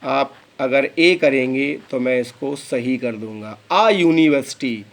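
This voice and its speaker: A man's voice: medium pitch, slow pace, vocal fry. A man teaching English grammar, who spells words out letter by letter and calls his students "beta". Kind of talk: classroom lesson.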